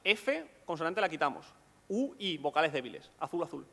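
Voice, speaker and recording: Male lecturer, fairly high voice, patient explainer, echoing hall sound. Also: big pitch swings, brisk, creaky, fairly bright tone. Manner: explanatory, asks rhetorical questions. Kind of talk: conference lecture.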